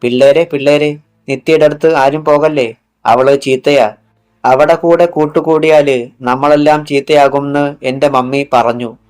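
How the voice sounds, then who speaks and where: A man's voice: a little high, fairly even intonation, normal speed, darkish tone, clean tone, soft background music, close to an everyday voice. Taunting schoolboy in a storybook; male narrator voices him. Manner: mocking, tattling.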